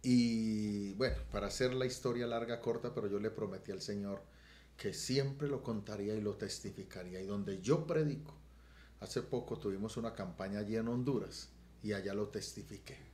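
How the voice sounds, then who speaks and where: Earnest pastor, roomy echo. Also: male voice, fairly low pitch, normal speed. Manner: earnest, swells loud and emotional in retelling. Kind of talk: testimony on a podcast. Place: podcast studio room.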